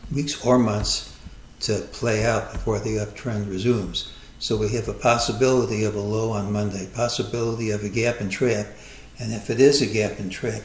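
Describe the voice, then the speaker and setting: Low-voiced man forecasting markets, echoey room. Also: slight background noise. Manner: measured, cautious, hedging. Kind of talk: chart analysis monologue.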